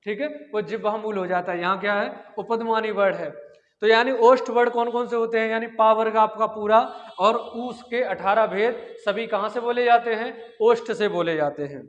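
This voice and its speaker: A man's voice: high voice, steady tone, normal speed, big-room sound, dull audio. A man teaching Sanskrit grammar in an exam-prep lecture. He asks the class questions, answers them himself, and sounds out the lip consonants. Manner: demonstrates lip sounds aloud.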